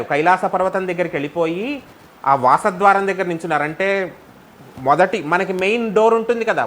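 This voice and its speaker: A man with a somewhat high voice teaches a devotional scripture lesson, chanting verses and putting rhetorical questions to his class. A faint noise sits under the recording. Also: fairly bright tone. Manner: asks many rhetorical questions.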